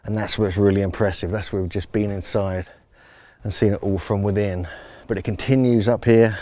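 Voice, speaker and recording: His voice is lowish and mellow, steady in tone and a little fast, with no room sound. As a travel vlogger, he walks viewers through outdoor temple ruins, thrilled by the sheer size of the stones, shooting himself on a handheld camera minus its stabilizer.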